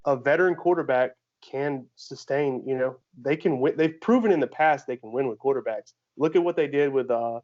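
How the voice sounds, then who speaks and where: A man's voice: mid-range voice, normal speed, few pauses. A man co-hosting a sports podcast, laying out his take in casual chat with laughs and restarts. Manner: laughs while making his case, rambling restarts. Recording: dull lo-fi podcast audio.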